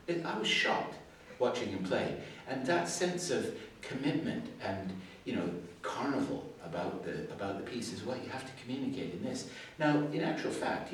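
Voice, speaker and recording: Here the older adjudicator's voice sits on the low side as he chats his way through feedback to performers in a school music hall. Raised in Canada early on but from England, he has a Suffolk accent tinged by Canada and a digressive, self-deprecating manner. The sound is very echoey from a distant mic, with slight background noise.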